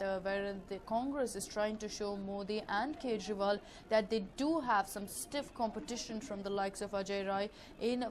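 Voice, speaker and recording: A woman with an Indian English accent gives live news commentary as a TV reporter, improvising with frequent hesitant, drawn-out pauses. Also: mid-range voice, darkish tone. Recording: clearly noisy live broadcast ambience.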